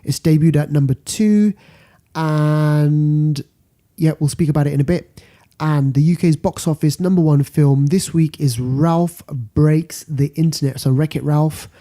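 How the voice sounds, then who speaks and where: A man's voice: a little high, steady tone, measured pace, warm tone. A British man hosting a casual film podcast, talking through rankings informally and repeating phrases for stress. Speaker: podcast host. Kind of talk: casual box office rundown.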